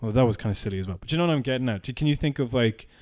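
A man's voice: mid-range voice, expressive, racing, darkish tone. An Irish man hosting a podcast in casual chat, rambling and thinking aloud with plenty of fillers. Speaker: podcast host.

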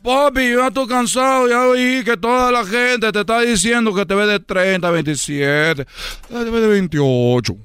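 A man's voice: sits high, normal speed, fairly bright tone, clean tone, no echo, clean studio sound. A man voicing a rambling comic character who tells a long story, repeating himself and laughing at his own jokes. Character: rambling man, son of a dictator. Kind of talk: comedy sketch storytelling.

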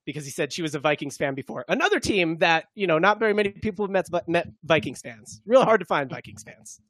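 A man's voice: a little high, animated, quick pace, fairly bright tone, no room sound. A man hosting a casual sports podcast, rambling and making self-mocking jokes. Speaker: podcast host.

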